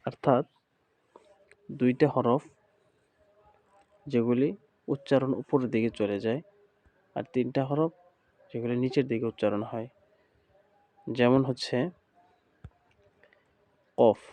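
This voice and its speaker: Chanting letter sounds in rhythm and running repeated drills, a man with a Bangladeshi Bengali accent teaches Quran recitation in a slow recorded lesson. The medium-pitched voice is steady and warm, though the recording sounds muffled.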